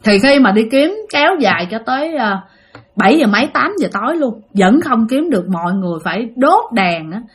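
A woman's voice: fairly high pitch, very animated, brisk, breathy edge. Chatty woman with a Southern Vietnamese accent. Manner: chatty, addresses listeners directly. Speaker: storyteller. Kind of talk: spoken ghost story.

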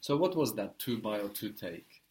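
A man teaching a language lesson, patiently explaining and drilling words slowly with a student. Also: fairly low pitch, sing-song, a little mellow.

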